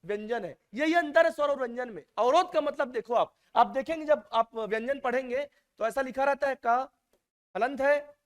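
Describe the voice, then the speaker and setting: A man's voice: very high voice, moderate pace. A male teacher giving a classroom lecture, quizzing his students and repeating key terms.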